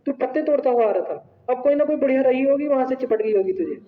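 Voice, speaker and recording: A man's voice: very high-pitched, fast talker, voice pushed up. A man voicing a blunt, know-it-all young male friend in a story told to a class. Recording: echoey hall, tinny phone-like sound.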